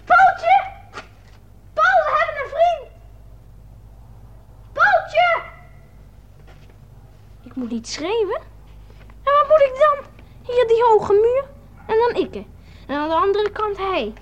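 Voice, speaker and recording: A woman's voice: extremely high pitch, sing-song, measured pace, pauses often, dull audio, exaggerated voice. A woman voicing a lonely small child who talks to a grown-up in a radio play, earnest and insistent. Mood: calling out.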